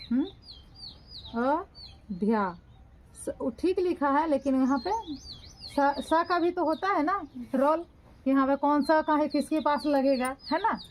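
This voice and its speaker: A woman home tutor, slowly correcting a dictation and spelling words out syllable by syllable. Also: high-pitched, a little hiss or hum.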